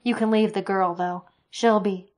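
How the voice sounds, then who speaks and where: A woman voicing a hostile male soldier in a storybook reading, who speaks loudly and makes blunt threats. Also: mid-range voice, steady tone, a little slow, natural voice. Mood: defiant. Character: hostile human soldier man, blunt and defiant.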